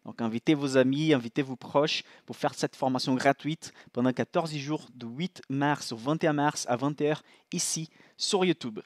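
This clean, dry studio recording features a livestream host and financial analyst, a native Portuguese speaker with a Brazilian accent, teaching investing in a relaxed, conversational style. His mid-range voice runs at normal speed, and he often checks in, says "ok?" repeatedly and restarts his sentences.

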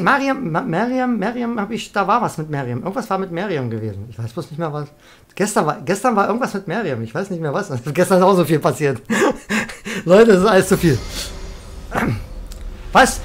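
A woman live-streaming a video game, chatting excitably with viewers and often trailing off and restarting. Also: mid-range voice. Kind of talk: casual live-stream chat while gaming.

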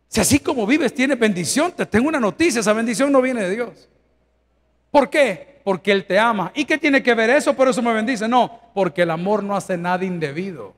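A man preaching a sermon as pastor, firing rhetorical questions and swinging from hushed to shouting. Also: very high voice.

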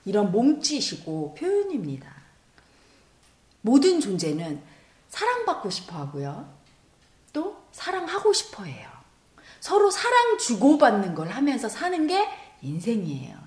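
A woman giving a spiritual lecture as a meditation teacher, expressive and at times dropping to a whisper. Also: fairly high pitch, a little slow, roomy sound. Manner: expressive, sometimes drops to a whisper.

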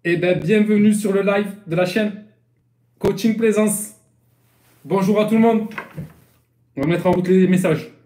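Chatty Marseille sailing coach, roomy echo. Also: male voice, sits high, a little slow, pauses often, mellow, slight background noise. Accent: Marseille French. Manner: chatty, rambling, repeats and restarts. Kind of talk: casual live-stream lesson. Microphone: live-stream phone or webcam.

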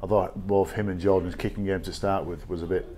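A middle-aged English rugby league head coach answers questions at a post-match press conference, seated at a table in a small press room with a sponsor backdrop. His male voice is deep and dark-toned with little pitch movement, picked up by a table microphone. He is measured and halting, with frequent fillers and restarts.

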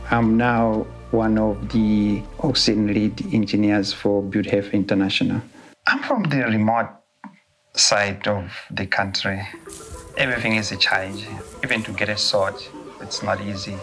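Low-voiced man, reflective documentary interview. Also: steady tone, a little slow, a bit bright. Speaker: oxygen lead engineer. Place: indoor room. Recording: interview with music bed behind.

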